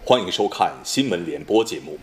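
Male, formal news anchor, standard mainland Mandarin, lowish pitch, widely swinging intonation, measured scripted delivery. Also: expressive. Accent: standard mainland Chinese Mandarin. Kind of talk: scripted broadcast news reading.

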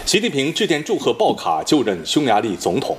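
A man reading scripted television news as an anchor in standard mainland Mandarin, in a formal, measured way with precise enunciation. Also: medium pitch, huge pitch swings, slight background noise.

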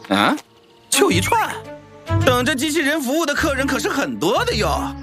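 A man's voice: very high-pitched, wildly swooping pitch, moderate pace, over music, full character voice. A man playing a shrewd, fawning small-time salesman in a children's cartoon, talking like an eager hustler. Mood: shrewd, haggling. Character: wheedling, shrewd, fast-talking male small-business hustler. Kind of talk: animated children's cartoon acting.

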